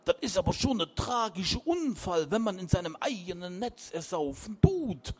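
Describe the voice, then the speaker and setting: A man's voice: sits high, sing-song, moderate pace, slightly rough, heavily acted. A man voicing an earnest, somewhat naive fellow who asks indignant, wondering questions. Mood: puzzled, indignant.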